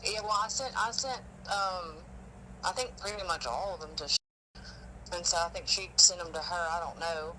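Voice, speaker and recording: A man's voice: high-pitched, normal speed, sharp tone, slight background noise. A man telling stories on a phone call in a rambling, emotional way. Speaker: witness. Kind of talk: casual phone conversation.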